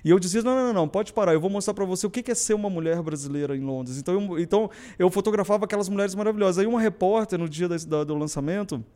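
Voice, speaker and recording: A middle-aged man from southern Brazil tells his story in a casual interview. His voice sits high for a man, and he talks fast and with animation. He acts out the dialogue he quotes. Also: warm tone. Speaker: guest photographer.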